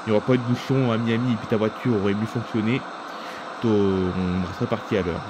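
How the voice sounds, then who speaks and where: A man voicing an easygoing airline captain in a homemade toy-figure film, calmly reassuring a colleague in a rambling way. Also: on the low side, a little fast, background noise, voice pushed down, lightly acted.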